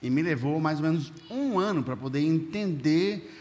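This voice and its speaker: A man's voice: fairly high pitch, animated, moderate pace, a little mellow. Man interpreting a sermon in a church. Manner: repeats each phrase in first person, sometimes restarting mid-phrase. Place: church hall. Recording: echoey church hall, faint noise.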